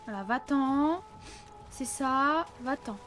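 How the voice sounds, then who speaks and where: A woman's voice: high-pitched, expressive, slow, a bit bright, faint music behind. A woman doing casual let's play commentary at a close desk microphone, chatting to viewers and letting out flustered yelps under stress. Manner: chatty, addresses viewers, frequent "hein".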